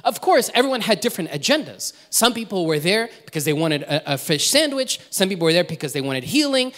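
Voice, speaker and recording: A pastor delivers his sermon in a high, very lively voice, jumping into quoted lines and restarting his sentences as he goes. The sound carries a long reverb from a large hall. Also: brisk. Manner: animated storytelling, acts out quotes, many restarts.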